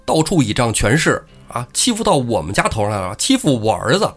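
A man's voice: mid-range voice, very animated, fairly quick, husky. A man voicing a fierce, protective old mother who scolds shrilly, in a told story. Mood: scolding. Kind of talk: storytelling with character voices.

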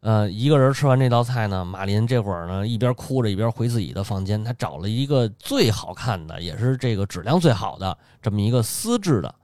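Animated man telling a folk tale. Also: lowish voice, fairly quick, hardly any pauses, dry recording, clean studio sound. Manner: animated, colloquial, lively delivery. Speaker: storyteller host. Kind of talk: casual storytelling chat.

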